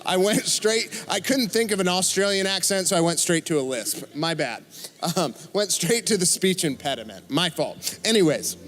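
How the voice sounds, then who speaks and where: A man preaching a youth sermon in a church service, energetic and punctuated with joking asides to the crowd. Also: high-pitched, moderate pace. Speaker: youth pastor.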